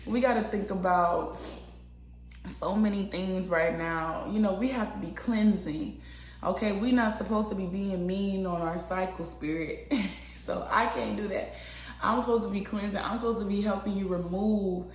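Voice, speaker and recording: A woman's voice: medium pitch, moderate pace, a little hiss or hum. Lady doing a tarot reading, chatty, repeats herself a lot, laughs, echoey room. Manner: animated, repetitive, laughs often. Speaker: tarot reader. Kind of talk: casual spiritual tarot reading.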